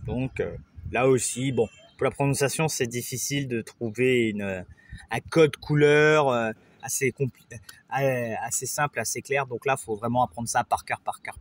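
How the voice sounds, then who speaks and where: A man's voice: mid-range voice, a bit bright, slight background noise. A man teaching a language lesson in an informal, joking way, often saying "voilà" and "hein". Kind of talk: casual explanatory lesson.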